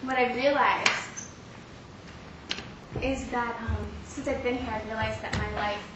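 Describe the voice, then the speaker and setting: Young woman, faith testimony, earnest and halting, slightly high voice, distant mic in a very echoey room. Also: fairly even intonation. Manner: earnest, halting with frequent fillers. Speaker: speaker sharing a testimony. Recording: roomy, distant mic with clear background noise.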